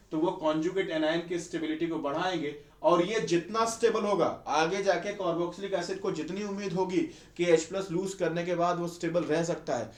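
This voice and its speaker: A male chemistry teacher giving a conversational exam-prep lecture, often asking students rhetorical questions. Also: fairly high pitch. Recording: echoey room.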